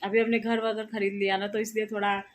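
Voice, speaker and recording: A woman's voice: medium pitch, flat delivery, quick pace. A woman vlogger in her thirties telling a rambling personal story to her viewers in a casual, chatty way. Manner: chatty, rambling, frequent fillers and restarts.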